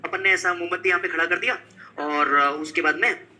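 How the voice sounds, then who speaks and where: A man teaching a class, telling a personal story in a playful, animated way and acting out the dialogue. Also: on the high side, a little fast, rough recording. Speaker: exam-prep teacher. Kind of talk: storytelling during a lecture.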